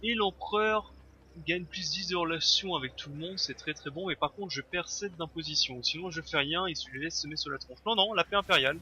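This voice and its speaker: A man with a very bright, somewhat high voice chats through his let's play, thinking aloud and hesitating often. The sound is slightly dull and lo-fi, with faint noise underneath. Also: fairly quick. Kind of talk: casual gameplay commentary.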